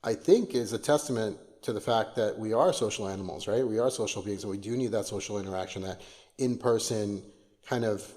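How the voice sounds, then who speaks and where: A man's voice: on the low side, mellow, big-room sound. A man co-hosting a podcast in casual conversation, often stopping and restarting as he searches for words. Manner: halting, gropes for words with many restarts. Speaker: podcast co-host.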